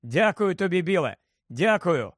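A man voicing an excited middle-aged wizard who has just become a father, talking loudly in a raised voice. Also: high voice, measured pace, no echo, studio quality, full character voice. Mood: warm. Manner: loud, breathless joy, raised voice.

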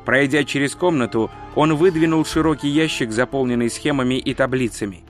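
A man narrating an audiobook in a measured, wry storytelling manner. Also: mid-range voice, soft background music. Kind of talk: scripted narration.

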